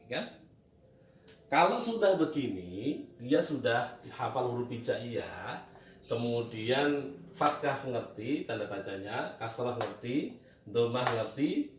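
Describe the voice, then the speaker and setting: A man teaching Quran reading at a board, patiently asking questions and answering them himself. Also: mid-range voice. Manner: patient, repetitive, asks and answers his own questions. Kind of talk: whiteboard reading lesson. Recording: echoey room, distant mic, faint noise.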